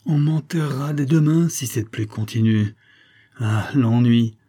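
A man's voice: mid-range voice, normal speed, warm tone, natural voice. Storybook heroine, young, bored and scornful, read by a man. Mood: disdainful. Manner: sighing, disdainful. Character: bored melancholy young woman, disdainful. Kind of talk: audiobook character voice.

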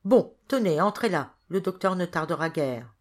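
A woman's voice: fairly low pitch, lively intonation. A woman reading as a blunt young intern. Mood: probing. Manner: brisk questioning. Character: curious young male hospital intern, blunt.

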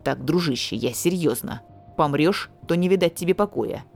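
A woman voicing a blunt young man with a low, gruff, sarcastic voice. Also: lively intonation, normal speed, darkish tone, soft background music. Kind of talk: audiobook character voice.

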